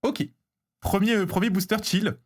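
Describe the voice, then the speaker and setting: A man streaming live as he opens trading cards, chatting casually, getting excited and answering his chat. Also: sits high, normal speed, breathy edge.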